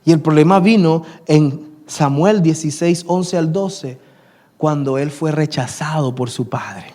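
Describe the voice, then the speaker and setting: A man's voice: fairly high pitch, measured pace, dark tone. A man, preaching a sermon and telling a personal story, acting out the dialogue. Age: 30s. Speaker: pastor.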